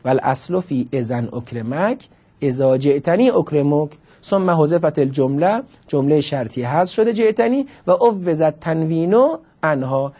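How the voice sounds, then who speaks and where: A man's voice: fairly high pitch, mellow. A man teaching Arabic grammar in a classroom lecture, explaining the text line by line with questions and emphatic stresses.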